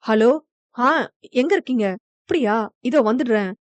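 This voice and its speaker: A woman's voice: on the high side, moderate pace, dry recording, natural voice. A woman voicing a stern young man who is the male lead of a romance audio novel, speaking in a curt, clipped way. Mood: brisk.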